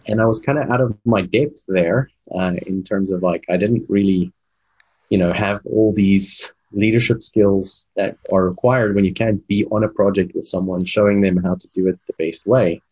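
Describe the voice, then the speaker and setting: Speaking in a low, steady, dark voice with a breathy edge at normal speed, this guest recounts his path as a game development manager and coach. Afrikaans is his first language, and he rambles through the casual interview with lots of fillers on a dull lo-fi recording.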